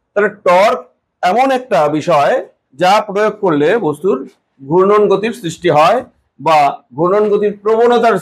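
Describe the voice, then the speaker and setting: A man. He talks in short spoken chunks, often putting a question to the class and answering it himself. His delivery is patient and explanatory, like a teacher working through a problem. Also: high voice. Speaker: physics teacher. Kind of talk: classroom lecture.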